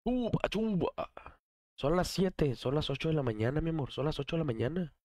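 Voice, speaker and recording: Mexican male streamer, mid-high voice, cough-roughened, dry close mic, hyped slangy chatter. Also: fast talker, darkish tone, no room sound. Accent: Mexican Spanish. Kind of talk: casual live-stream chat.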